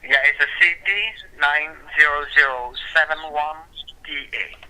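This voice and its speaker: A man speaking in a repetitive, formal, halting call-center manner as a scripted phone caller posing as an official, over a thin phone line. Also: on the high side, steady tone, pushed and bright, clear, resonant tone. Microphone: telephone call.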